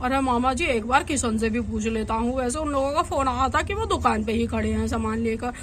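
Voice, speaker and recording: A woman's voice: on the high side, brisk, slight background noise, natural voice. A woman voicing an earnest middle-aged village father explaining family matters in a doll storybook.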